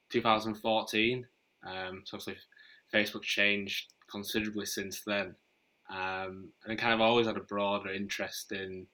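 A man with a Northern English accent, answering podcast interview questions in a measured, explanatory way with frequent fillers. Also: fairly low pitch, pushed and bright, low-quality recording. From Northern England. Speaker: podcast guest, marketing chief.

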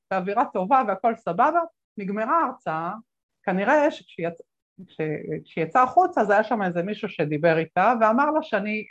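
A woman guest telling stories in an interview, animated, acting out the voices of people she quotes, with many fillers. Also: mid-range voice, highs cut off. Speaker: guest speaker. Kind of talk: conversational interview storytelling.

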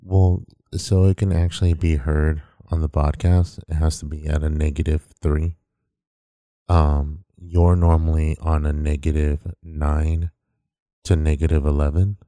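A podcast co-host with a very deep baritone talks a little slowly, rambling in a relaxed, easygoing way and filling his speech with fillers. There's no echo on the recording.

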